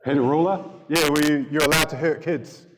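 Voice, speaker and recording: A man's voice: on the high side, fairly even intonation, a little fast, a bit bright. Chuckling New man telling his testimony. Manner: casual storytelling with frequent chuckles. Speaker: church speaker giving testimony. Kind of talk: personal testimony talk to a congregation. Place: church hall before an audience. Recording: long hall reverb in a church.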